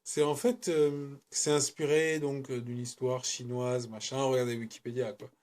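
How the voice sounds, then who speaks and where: A man's voice: medium pitch, flat delivery, normal speed, a little mellow. Rambling casual male film reviewer. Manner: rambling, self-correcting, colloquial.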